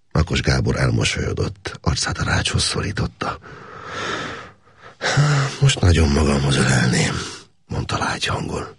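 A man narrating an audiobook with steady storytelling. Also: rumbling low, vocal fry, slightly rough, no echo, clean studio sound.

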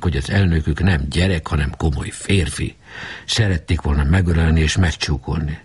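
A man reading a novel aloud with expressive storytelling. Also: a bass voice, slightly rough. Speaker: audiobook reader. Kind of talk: scripted narration.

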